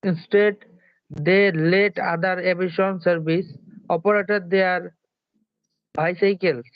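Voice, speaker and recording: A man with a Bangladeshi accent reading an article aloud in an online class, halting and polite. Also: high voice, fairly even intonation, smooth, no room sound. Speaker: student. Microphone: online call. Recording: dry, dull online call audio.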